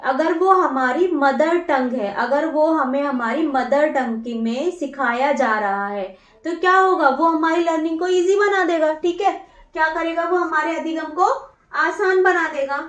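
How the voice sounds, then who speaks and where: A woman teacher slowly dictates exam revision notes in a high, fairly bright voice, taking her time. She repeats each phrase word by word and poses questions to herself before answering them. The recording sounds echoey, as if she's far from the mic.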